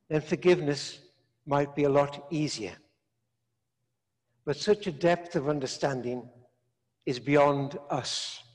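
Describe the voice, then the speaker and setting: An older man, a priest, preaching a sermon in slow, measured phrases with long pauses, recorded in a large stone church. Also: on the high side, a little mellow. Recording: echoey church from a distance.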